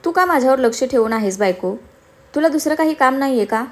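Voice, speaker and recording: A woman's voice: high voice, animated, fast. A woman voicing a confident, teasing young man in a storybook reading. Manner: playful, teasing.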